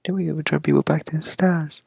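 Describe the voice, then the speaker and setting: A man voicing an excited young boy as he reads a game's dialogue aloud, eager and high. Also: fast, gravelly, husky, dry recording, full character voice.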